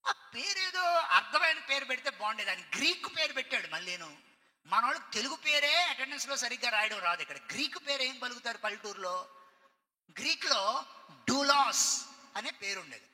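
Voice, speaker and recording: High, bright-voiced preacher in a hall. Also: male voice, a little fast. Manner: lively storytelling, questions to the congregation. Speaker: pastor. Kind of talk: sermon. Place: church. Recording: church hall reverb. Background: congregation.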